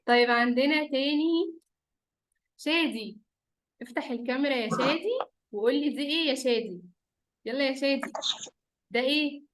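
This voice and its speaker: High-voiced Egyptian woman teaching small children. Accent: Egyptian Arabic. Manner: talking as to small children: simple questions, repeats, praise, coaxing. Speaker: teacher leading an online class of young children. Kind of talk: interactive lesson for small children. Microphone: computer or phone on a video call.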